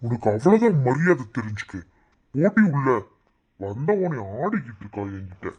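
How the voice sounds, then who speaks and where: A man's voice: mid-range voice, very animated, normal speed, warm tone, slightly rough, highs cut off. A man voicing a hot-tempered village husband in a cartoon, blustering and threatening. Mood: angry.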